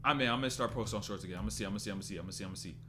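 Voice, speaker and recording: A man in his twenties gives loose, rambling basketball commentary on a live stream, pausing to answer chat. He talks very fast in a lowish voice, with music playing in the background.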